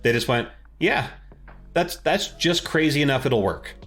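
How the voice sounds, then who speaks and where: Over background music, this man co-hosts a podcast from a separate remote location, speaking in an enthusiastic, slangy, casual way. His mid-range voice is expressive, unhurried and a bit bright.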